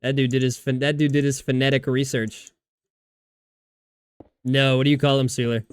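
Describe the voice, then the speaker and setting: A man's voice: medium pitch, level tone, moderate pace, clear, resonant tone, no room sound. A man streaming a video game, chatting casually with viewers in a rambling way, swearing often and restarting his sentences. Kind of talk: casual livestream chat while gaming.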